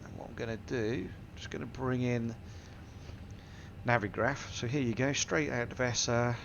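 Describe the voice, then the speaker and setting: Mid-range, gravelly and fairly bright, this congested man's voice stays fairly even at a normal speed as he methodically guides viewers through each cockpit setting in a flight sim tutorial. The highs are cut off, and the simulator's engine and cabin hum runs underneath.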